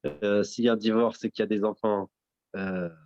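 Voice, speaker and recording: A man's voice: on the low side, fairly even intonation, normal speed, a little mellow, no room sound, highs cut off. A man teaching an interactive class. He asks his students questions, repeats their answers back, and mixes in Arabic religious terms.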